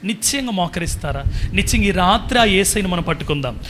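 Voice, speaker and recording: A man with a Telugu accent preaching a sermon, leading the congregation into loud, fervent prayer. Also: high voice, lively intonation, fast talker, slight background noise. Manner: fervent, rising to shouted prayer. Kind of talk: sermon with altar call.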